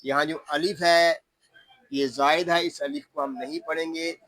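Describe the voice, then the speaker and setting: A man teaching Quran recitation rules word by word, patiently explaining each rule and chanting the verses in long, drawn-out tones. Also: fairly high pitch, fairly even intonation, a bit bright, no room sound. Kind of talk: tajweed lesson, word by word.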